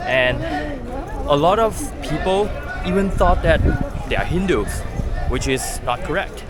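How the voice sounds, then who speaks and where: A man's voice: on the high side, expressive, a little slow, crowd noise. A man from Malaysia with a Malaysian English accent, narrating a travel vlog as he walks around a busy temple site, explaining eagerly like a tour guide. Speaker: travel vlogger. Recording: loud music over outdoor sound.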